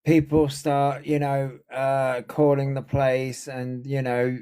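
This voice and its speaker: A man chatting casually on a live stream in a hesitant, halting way. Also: mid-range voice, flat delivery, warm tone, clear, resonant tone.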